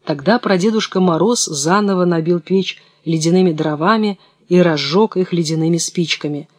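A man reading a fairy tale aloud in a calm, even storytelling manner. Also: high-pitched, normal speed, no echo. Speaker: narrator. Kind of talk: storybook narration.

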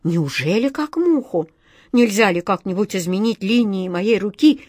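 A woman's voice: medium pitch, animated, moderate pace, darkish tone, dry recording, clean studio sound, natural voice. A woman voicing a kind, superstitious male sea captain in a storybook, earnest and pleading.

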